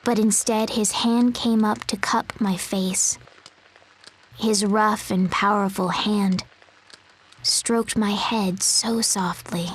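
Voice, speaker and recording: A woman voicing a timid little animal who poses as a girl, narrating a game story in a soft, measured way. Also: mid-range voice, fairly even intonation, a little hiss or hum, lightly acted, poor audio. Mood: wistful.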